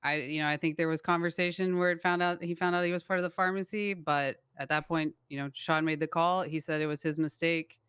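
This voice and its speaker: Super clear voice, mid pitch, crime game roleplay, hesitant and placating while explaining stuff. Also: fairly even intonation, brisk, few pauses, a bit bright, dry recording. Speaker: role-player as a gang member. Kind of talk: improvised role-play in an online crime game.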